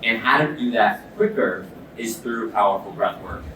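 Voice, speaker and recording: An ice bath expert with a sports medicine background gives a product demo, explaining things in an earnest, emphatic manner. His voice is fairly low and fairly bright, at a normal speed. The mic is distant, picking up echo and a noisy background.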